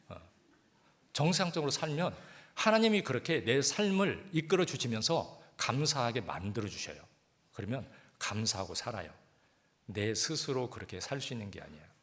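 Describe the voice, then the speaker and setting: A man preaching a sermon, conversational and lively, asking the congregation rhetorical questions. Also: mid-range voice, normal speed, long pauses. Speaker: pastor. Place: church hall.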